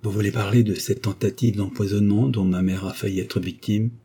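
A man's voice: lowish voice, fairly even intonation, brisk, mellow, slightly rough. A man reading a proud young duke.

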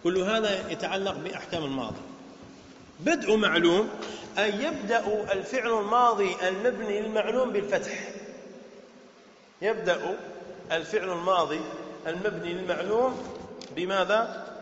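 A man's voice: high voice, moderate pace, long pauses, a bit bright, slight background noise. A man teaching a grammar lesson, quizzing his class and repeating key words. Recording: dull echoey hall recording.

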